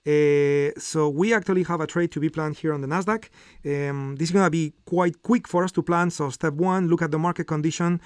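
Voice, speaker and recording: Guy walking viewers thru a live trade, bit high-pitched, lots of uhs, dry close sound. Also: fairly even intonation, brisk, smooth, no room sound. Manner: explanatory, many "uh" fillers, checks in with "okay?". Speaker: trading instructor hosting a live session. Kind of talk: live market commentary and teaching.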